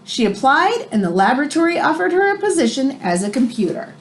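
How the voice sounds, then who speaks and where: A woman teacher reads a children's nonfiction book aloud with expression, explaining as she goes, adding brief asides, and stressing key phrases. Her high voice has a sing-song quality, she moves fairly quickly, and there's a slight hiss or hum.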